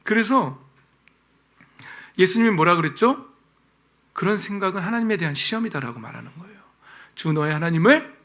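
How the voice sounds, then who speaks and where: A middle-aged man preaches with fervor, his voice sitting a little high for a man. He presses his points with rising, pleading calls and then drops to near-whispers for urgent appeals. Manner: emphatic preaching, swings from loud pleading to hushed whispers. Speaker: pastor. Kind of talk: sermon.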